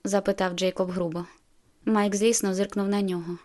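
A woman narrating a novel in the first person, in a measured, intimate storytelling manner. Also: mid-range voice, level tone, a little mellow. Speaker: audiobook narrator.

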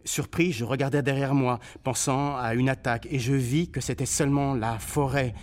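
A man giving an expressive, dramatic reading of a war memoir for radio, voicing the sounds of shells and cries. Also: mid-range voice, normal speed, slight background noise. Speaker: reader on a radio documentary.

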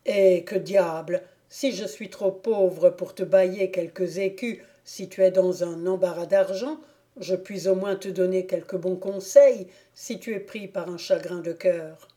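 A shrewd village clog-maker teases his cousin with knowing mockery, as a woman reads him in an audiobook. The delivery is slow and drawn out, with a mellow, warm tone. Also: fairly low pitch, steady tone, natural voice. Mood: teasing. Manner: mocking, knowing. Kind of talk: audiobook character reading.

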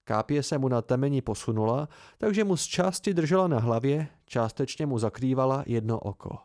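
A man reading a novel aloud in a calm, even storytelling manner. His voice is mellow and darkish, mid-pitched. The home recording is dry and close. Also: no room sound. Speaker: amateur audiobook reader. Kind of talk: first-person novel narration.

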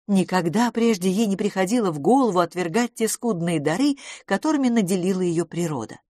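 A woman narrating an audiobook in an expressive, gently ironic storytelling manner, close to a studio microphone. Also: medium pitch, brisk, dry recording.

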